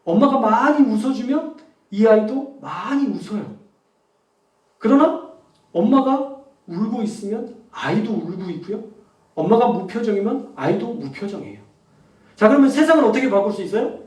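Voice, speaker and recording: A man preaching a sermon as a pastor, talking in an animated way and acting out different tones of voice. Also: high-pitched, normal speed, pauses often, reverberant, recorded from a distance. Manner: animated preaching with spoken demonstrations of tone.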